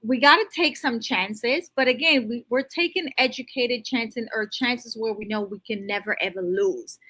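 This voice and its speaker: A woman with a slightly high, bright voice speaks at a normal pace in a forceful tone. She's a financial coach in an unscripted interview, giving emphatic, motivational advice directly to the listener. Her talk is natural, and she restarts mid-thought.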